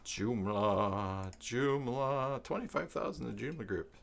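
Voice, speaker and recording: A middle-aged man, a live stream host who makes web tutorials, rambles and thinks aloud on a casual stream, often repeating himself. His medium-pitched voice is expressive, unhurried and creaky.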